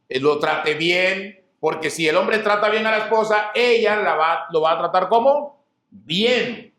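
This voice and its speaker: A man's voice: high voice, sharp tone. A middle-aged man, a pastor preaching a sermon, who asks the congregation rhetorical questions, answers them himself and repeats key phrases. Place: church hall. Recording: roomy church hall echo.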